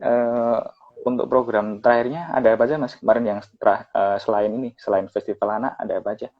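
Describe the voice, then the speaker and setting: A man's voice: mid-range voice, steady tone, fast talker. A man from Gunung Kidul talking earnestly with many hesitations, his voice breaking up over an online call. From Gunung Kidul, Yogyakarta, Indonesia. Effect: breaking-up online call audio. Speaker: community representative guest. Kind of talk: online live-stream discussion. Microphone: video call. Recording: dull lo-fi video call sound.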